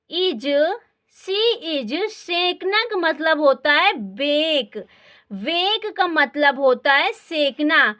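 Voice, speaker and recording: A woman's voice: high-pitched, pushed and bright. A woman with an Indian accent teaching spoken English, a native Hindi speaker who repeats words and keeps asking the listener questions. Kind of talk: classroom-style language lesson.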